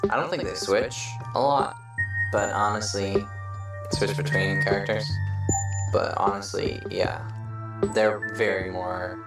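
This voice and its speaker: A woman's voice: extremely low pitch, fairly even intonation, slow. A woman streamer giving casual, rambling, self-critical commentary over a game. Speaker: gameplay streamer. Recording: echoey and far from the mic, loud game music.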